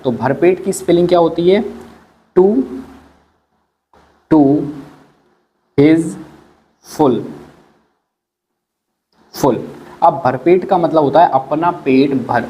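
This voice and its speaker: A man teaching English in a lesson, slowly repeating each word and asking questions as he goes. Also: medium pitch, darkish tone. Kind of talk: spoken English lesson in Hindi. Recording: faint background noise.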